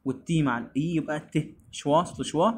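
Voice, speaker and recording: A man's voice: fairly high pitch, quick pace, slight background noise. A man with an Egyptian Arabic accent teaching beginner English, repeating each word and quizzing his pupil.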